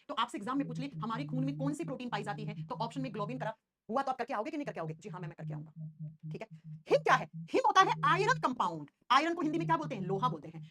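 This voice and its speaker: Fast, lively husky woman teacher. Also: sits high. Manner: animated, asks students questions and answers them herself. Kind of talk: online exam-prep class.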